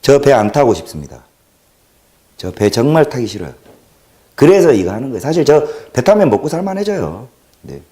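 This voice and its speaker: A man in his thirties with a Jeolla accent, chatting alone on a livestream. His pitch jumps around constantly as he jokes and rambles, and his voice stays mellow and dark in tone, dropping to near mutters between louder bursts. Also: moderate pace, pauses often. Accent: Jeolla Korean. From Jeolla region, South Korea. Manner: animated, joking, swings between loud and quiet. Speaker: livestream host. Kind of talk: casual livestream monologue.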